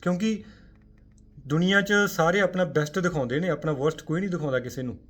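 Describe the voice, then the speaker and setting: A man giving a Sikh spiritual talk to viewers. He speaks forcefully, asks rhetorical questions, swings between loud emphatic bursts and quiet low asides, and mixes in English words. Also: quick pace.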